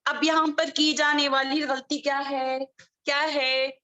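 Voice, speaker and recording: A woman teaching Quranic recitation over a video call, drawing out each word slowly, repeating it and checking that her students follow. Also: high voice, flat delivery, sharp tone, highs cut off. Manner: slow, drawn-out demonstrations of Arabic words; patient, repeats and checks understanding. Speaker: Tajweed teacher.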